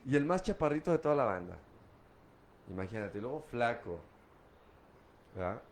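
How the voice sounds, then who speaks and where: Profane, animated Mexican man telling his story. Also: medium pitch, moderate pace, slight background noise. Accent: Mexican Spanish. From Guadalajara, Mexico. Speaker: guest recounting his addiction. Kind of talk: candid personal testimony.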